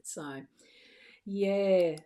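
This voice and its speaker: A woman's voice: medium pitch, extremely slow, mellow. A middle-aged woman, a psychic medium, chatting reassuringly to viewers on a livestream, often restarting her sentences. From Australia. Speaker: psychic medium doing live card readings. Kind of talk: casual livestream chat.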